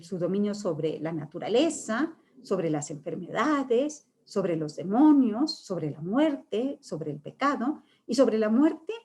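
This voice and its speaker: A woman's voice: fairly low pitch, darkish tone. A woman giving a catechesis talk, explaining scripture with frequent "eh" fillers and questions to her listeners. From Mexico.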